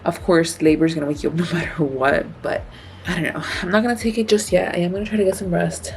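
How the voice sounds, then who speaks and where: A woman's voice: fairly low pitch, creaky, darkish tone, rough recording. A young woman vlogs from a hospital bed, holding her phone close and chatting in a casual, upbeat way. She sounds tired from labor but stays light and self-deprecating. A faint hum of the hospital room sits under her voice. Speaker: vlogger. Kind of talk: casual vlog narration.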